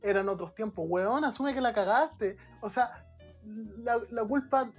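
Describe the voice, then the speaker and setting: Chilean female co-host, a bit high-pitched, blunt and foul-mouthed, faint music behind. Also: measured pace, a little mellow, breathy edge. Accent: Chilean Spanish. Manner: blunt, profane. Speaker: podcast co-host. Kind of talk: casual chat.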